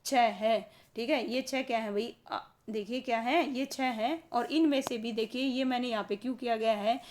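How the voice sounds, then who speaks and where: Woman, grammar teacher, higher-pitched voice, asks questions and answers them, stresses key terms slowly. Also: fairly even intonation, slight background noise. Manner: keeps asking the class questions and answering them herself. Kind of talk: grammar lesson for exam students.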